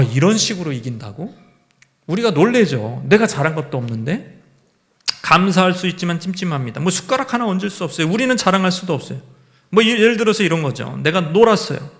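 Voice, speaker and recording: Male pastor giving a sermon, fairly high voice, chatty, keeps asking the congregation questions. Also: a bit bright. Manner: conversational preaching with rhetorical questions.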